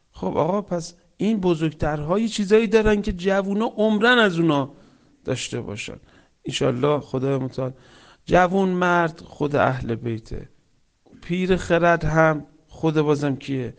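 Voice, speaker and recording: A man preaching a sermon with stories, swinging between loud emphatic lines and soft hushed ones, reciting Quranic verses. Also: fairly high pitch. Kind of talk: religious sermon with storytelling.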